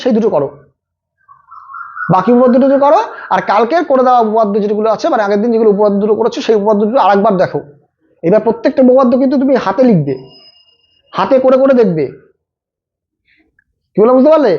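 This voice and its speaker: This male maths tutor's pitch is extremely high, and the recording is muffled. He fires off last-minute exam tips at speed, repeating himself and coaching the students he addresses directly.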